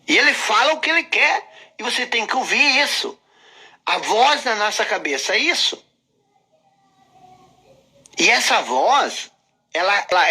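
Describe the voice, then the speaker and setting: A man teaching a motivational self-help lesson who talks straight to the listener and repeats his points for emphasis. His voice is bright and a little husky, and his pitch rises and falls with lively swings. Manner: emphatic, repeats phrases, addresses listener directly.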